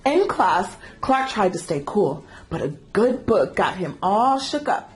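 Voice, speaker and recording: Woman storyteller, slow children's read-aloud, highly expressive swooping pitch, engaging, music behind. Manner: animated, engaging listeners with questions.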